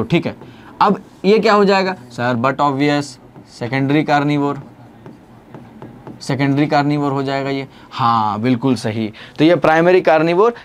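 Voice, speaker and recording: A young man with an Indian accent gives a biology lecture in a classroom, posing questions to his students and then answering them himself. His voice sits on the high side, and his lively delivery swings between loud and soft.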